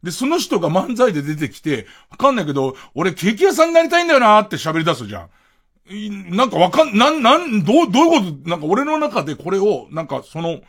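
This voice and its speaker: A man's voice: sits high, big pitch swings, fast, a bit bright, husky. A man hosting a late-night radio show, rambling casually and thinking aloud with chuckling asides. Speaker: radio host.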